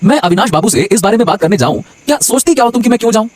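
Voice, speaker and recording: A man's voice: high-pitched, lively intonation, rapid-fire, a little mellow. A man voicing a stubborn, grumbling husband in a cartoon story, brusque and dismissive. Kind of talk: cartoon voice acting. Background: background music.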